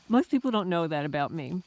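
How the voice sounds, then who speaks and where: Speaking in a lowish, darkish voice, a middle-aged homesteading vlogger from the Bronx, New York gives a casual, indignant monologue to her folks, heavy on rhetorical questions.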